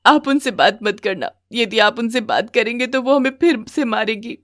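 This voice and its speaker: A woman voicing a gentle, polite young daughter-in-law in a cartoon, speaking in a tearful, high voice. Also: normal speed, natural voice.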